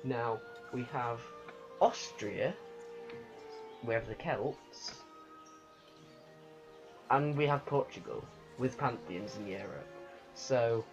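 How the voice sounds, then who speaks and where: A man giving unscripted commentary on a strategy game, thinking aloud in a halting way. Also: mid-range voice. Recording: muffled lo-fi recording with music. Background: music.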